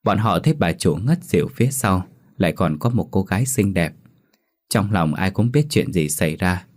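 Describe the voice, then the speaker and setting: Man, storyteller, very deep voice, horror tale read aloud, acts out each character. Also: animated, moderate pace, a little mellow. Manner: plays all the characters himself. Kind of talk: scripted horror story narration.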